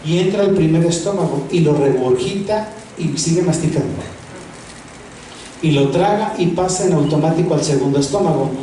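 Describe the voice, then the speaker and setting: High-voiced preacher in an echoey hall. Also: male voice, moderate pace, slight background noise. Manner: animated, asks rhetorical questions, repeats words for emphasis. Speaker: preacher teaching a theology class. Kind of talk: preaching-style Bible lesson. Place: large echoing church hall. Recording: very echoey hall, voice far from mic.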